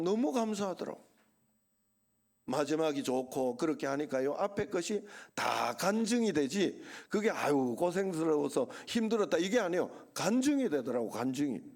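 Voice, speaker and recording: This medium-pitched, slightly mellow male voice belongs to a middle-aged pastor with a Gyeongsang Korean accent. He preaches his Sunday sermon conversationally, filling it with rhetorical questions and asides.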